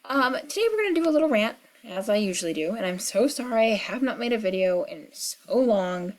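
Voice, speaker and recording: A woman's voice: mid-range voice, expressive, fairly quick. A young woman with a cold rambling through casual gaming commentary at home, chatty and full of fillers and asides. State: sick with a cold, clearing throat. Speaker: gaming vlogger. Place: at home in the country.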